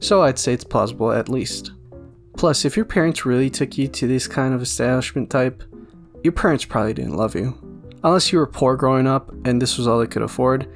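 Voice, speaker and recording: With a mid-range voice and noticeable vocal fry, a male YouTube video essayist rambles through fan theories. His tone is jokey and self-mocking, and background music plays throughout.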